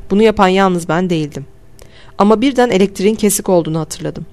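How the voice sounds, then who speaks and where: A man calmly narrating a first-person audiobook in a measured storytelling voice. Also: high voice. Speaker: audiobook reader.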